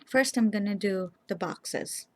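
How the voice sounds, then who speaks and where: A woman hosting a nail art tutorial, explaining each step in a calm, instructive way and speaking to viewers directly. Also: mid-range voice, unhurried. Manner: calm, instructive, addresses viewers as "you guys". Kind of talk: casual step-by-step tutorial narration.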